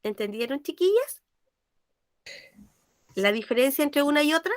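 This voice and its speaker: A woman's voice: sits high, lively intonation, moderate pace, dry recording. A woman teaches a language lesson. She asks questions and checks that her pupils follow. Her voice sounds close and dry, with no room around it. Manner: patient, questioning, checks understanding.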